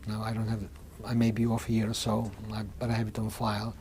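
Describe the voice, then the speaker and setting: Halting older man recounting his childhood. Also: fairly low pitch, completely flat delivery, darkish tone, slight background noise. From Hungary. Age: 60s. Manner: halting, with frequent restarts and repeated words. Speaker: interviewee. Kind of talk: oral history testimony.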